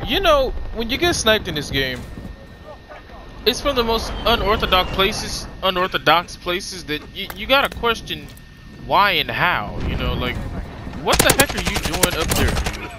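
A man's voice: high voice, sing-song, moderate pace, noisy background. A tired man chatting casually through a shooter match, reacting aloud as he plays. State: tired, yawning. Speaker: gaming YouTuber and streamer. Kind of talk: casual gameplay commentary. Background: loud gunfire from the game.

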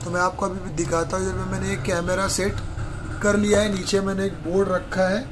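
Chatty high-voiced man in noisy workshop. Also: completely flat delivery, fairly quick. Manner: chatty, addresses viewers as brother, step-by-step. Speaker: mobile repair technician. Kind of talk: casual how-to walkthrough. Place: phone repair workshop, indoors. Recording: noisy room with street traffic.

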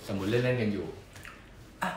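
A man's voice: on the low side, rapid-fire, a little mellow. A young man, an actor guest, chatting playfully and teasing in a casual interview. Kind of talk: casual chat. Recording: roomy echo with crowd noise.

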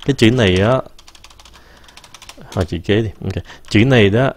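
A man giving a casual live-streamed English pronunciation lesson, stopping to say words slowly and mixing English phrases into his talk. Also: fairly low pitch.

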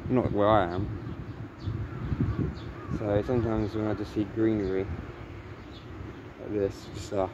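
A young man from England with an English accent, chatting casually in a low-key, musing way as he films a vlog outdoors. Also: little pitch movement, unhurried, long pauses. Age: young adult. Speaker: vlogger. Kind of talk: casual rambling vlog chat. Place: outdoors on an open hillside temple ground. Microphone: camera at arm's length or propped nearby. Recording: muffled outdoor camera audio, ambient noise.

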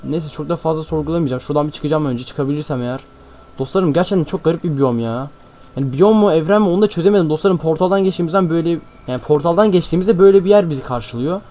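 Fast-talking young man, jumpy game commentary. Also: a little high. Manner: excitable, jumpy, keeps addressing viewers as friends. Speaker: gaming channel host. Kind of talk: Minecraft let's-play commentary. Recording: faint background music.

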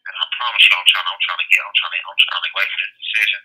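A man's voice: low-pitched, little pitch movement, racing, bright, forceful tone, husky. A man in his thirties from California calling in over a prison phone line, talking casually in street slang and often repeating himself. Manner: street slang, repeats phrases, keeps asking "you feel me". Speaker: incarcerated caller.

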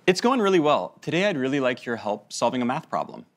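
A man's voice: medium pitch, big pitch swings, quick pace. A man presenting a live demo in a friendly, casual way.

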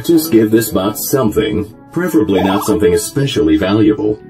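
A man performs a cheerful male robot guide from a game, speaking in a polite, announcer-like robotic way. The voice sits fairly low, yet the intonation swoops up and down with a lot of life. Game music plays clearly underneath. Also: lively intonation, moderate pace, lightly acted. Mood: dry. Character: upbeat male robot guide narrating a simulation. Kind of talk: game character dialogue.

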